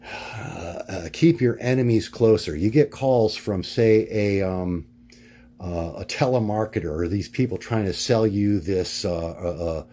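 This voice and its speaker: A man talking to his camera at home in a rambling video diary, halting often with fillers and restarts as he hunts for words. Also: mellow. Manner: acts out quoted voices in a much higher pitch. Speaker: vlogger.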